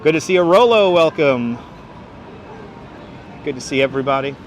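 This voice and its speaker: A man's voice: a little high, expressive, moderate pace. A man with a thick Brooklyn accent chatting casually to viewers as he hosts a live walking tour outdoors in the city. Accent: thick Brooklyn, New York. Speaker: livestream walking tour host. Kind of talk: casual live-stream chat and street commentary. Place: outdoors on busy Manhattan streets, walking. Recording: clear city traffic noise outdoors. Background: street ambience and vehicles.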